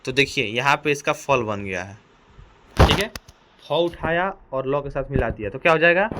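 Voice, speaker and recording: A man gives a children's lesson in a small room, and his voice is loud and full of energy. He sounds out letters slowly and keeps throwing questions back at the class. His pitch sits in the middle range. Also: expressive, very noisy. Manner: speaks loudly and energetically. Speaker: teacher.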